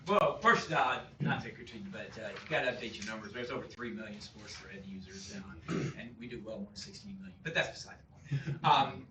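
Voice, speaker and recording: A man's voice: mid-range voice, lively intonation, brisk, noisy background. A man in the audience offering a direct, businesslike suggestion. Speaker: audience member. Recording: roomy hall, distant mic.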